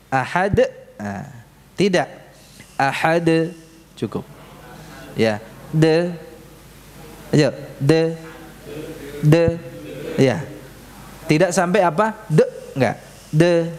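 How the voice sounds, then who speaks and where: A man teaching correct Quran letter pronunciation in a mosque, speaking slowly and patiently and leading the class in repeating sounds. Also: fairly high pitch. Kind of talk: tajwid lesson in a mosque. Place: mosque prayer hall. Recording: reverberant hall, faint room noise.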